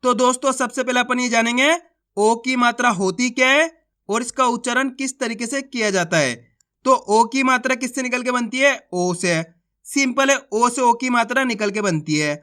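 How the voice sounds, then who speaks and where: A man with a high, ringing voice leads a beginners' reading lesson. He stretches out each syllable before blending the sounds into words, and keeps pausing to check that his listeners follow along. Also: sharp tone. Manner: patient, drawn-out syllable-by-syllable reading with frequent check-ins. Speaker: Hindi reading teacher. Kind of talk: online literacy lesson.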